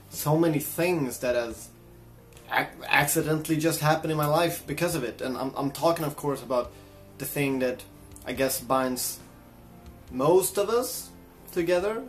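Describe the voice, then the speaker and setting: A man from Sweden, telling a personal story in a casual, reflective vlog. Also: medium pitch. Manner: reflective, chatty. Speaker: vlogger and guitarist.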